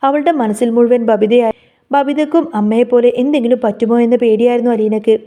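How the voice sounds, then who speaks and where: A woman storyteller reading a serial story aloud in a steady, even manner. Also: fairly high pitch, a little fast.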